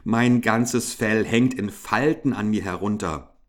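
A man's voice: lowish voice, takes it slowly. A man voicing a fat, stingy male hamster who grumbles, blusters and complains. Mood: grumbling. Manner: grumbling, blustering, self-pitying.

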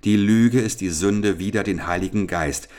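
A man's voice: lowish voice, moderate pace, darkish tone, lightly acted. A man reading the lines of a bold, upright young man, speaking firmly and earnestly. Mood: defiant. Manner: firm, earnest. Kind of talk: audiobook character reading.

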